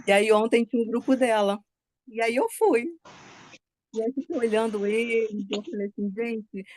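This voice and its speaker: A woman's voice: medium pitch, darkish tone. A woman giving a religious testimony to a group, fervent and chatty, often checking in with her listeners. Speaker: guest speaker sharing a testimony.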